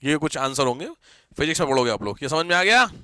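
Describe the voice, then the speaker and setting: A man teaching a live online class. His voice sits a little high and sounds bright and forceful. He talks in a chatty, teasing way and drops English terms into his explanations. The recording is close and dry. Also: animated, quick pace, clear, resonant tone, no echo.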